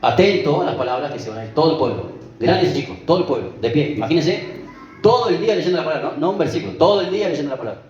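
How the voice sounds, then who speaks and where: A man's voice: a little high, expressive, very fast, a little mellow, highs cut off. A man, preaching a conversational sermon and checking in with the congregation as he goes. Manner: conversational, keeps asking the congregation "¿vio?" and "¿sí?". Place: church. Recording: echoey church with music behind.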